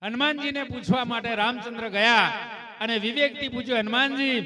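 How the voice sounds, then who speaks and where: A man with a very high, sharp voice preaches a devotional sermon at a fairly quick pace, telling a religious story. Between passages he calls out chanted praise cries and poses rhetorical questions to his listeners.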